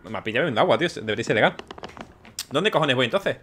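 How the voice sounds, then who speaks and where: A young man giving excitable, swearing let's play commentary, yelping at scares. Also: mid-range voice, rapid-fire, slight background noise. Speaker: gaming YouTuber. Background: game music.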